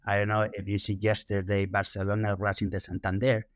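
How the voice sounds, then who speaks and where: Spanish-accented man, low and dry. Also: little pitch movement, no echo. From Spain. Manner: measured, many fillers and restarts. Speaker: youth soccer director, guest. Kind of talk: interview answers.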